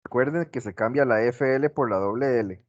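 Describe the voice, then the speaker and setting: A man's voice: mid-range voice, moderate pace, dry recording. A male teacher giving a class lecture, asking the class questions and repeating his examples, on a dull lo-fi recording.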